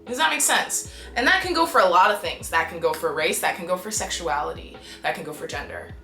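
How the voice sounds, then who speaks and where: A young woman from Canada in her twenties, talking casually to the camera in an animated, exasperated and emphatic way. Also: lowish voice, fairly quick, roomy sound, faint music behind. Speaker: vlogger. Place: small bright room indoors.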